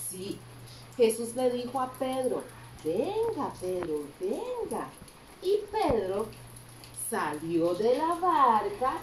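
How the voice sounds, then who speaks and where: A woman tells a children's Bible story, her fairly high voice leaping around expressively as she questions her young listeners. She sounds a little distant from the mic in a roomy, echoing space with a faint hum behind her. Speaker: Sunday school teacher.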